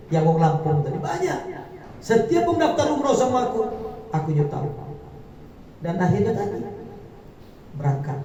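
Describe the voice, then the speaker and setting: A man preaching a sermon, telling stories in an animated way and acting out the dialogue. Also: on the high side, lo-fi sound. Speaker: Islamic preacher. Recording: echoey hall from far off.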